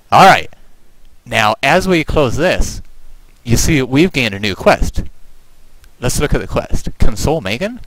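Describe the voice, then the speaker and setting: A man's voice: mid-range voice, no room sound, poor audio. A man, a game developer, giving playful, sarcastic commentary while demonstrating his game. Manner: playful, animated, sarcastic asides. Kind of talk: gameplay walkthrough commentary.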